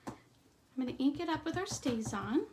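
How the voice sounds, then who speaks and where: A woman giving a live stamping demonstration, chatting through each step and trailing off into quiet asides. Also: high voice, expressive, moderate pace, slight background noise. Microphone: streaming setup at a craft table.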